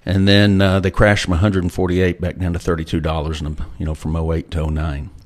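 The guest, a middle-aged entrepreneur, talks a little fast in a low voice with little pitch movement. During this informal interview he spins folksy stories and hands out advice about life.

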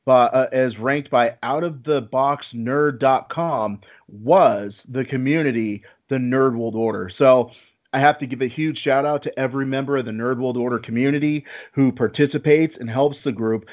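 A man hosting a talk show, addressing listeners directly like an announcer. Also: medium pitch. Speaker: podcast host. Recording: slightly dull, lo-fi podcast audio.

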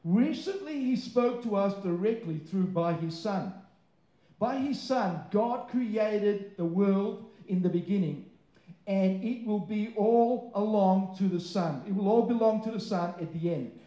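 A pastor born abroad who moved to Australia at nine preaches a sermon to a live congregation in English, his second language, with a high, mellow voice and lively intonation. He stresses and stretches key words, then drops into quick casual asides and questions for his listeners. The room gives a clear, roomy echo.

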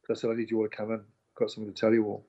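Man, New Zealand accent, casual storytelling, fast pace, muffled lo-fi recording. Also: fairly low pitch. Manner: animated, acts out quoted dialogue. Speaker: interview guest.

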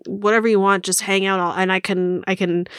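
A woman's voice: medium pitch, flat delivery, brisk, fairly bright tone, clean tone, dry recording, studio quality, close to an everyday voice. Woman doing a stammering, kindly dwarf bartender. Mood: flustered kindness. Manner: stammering, eager to help.

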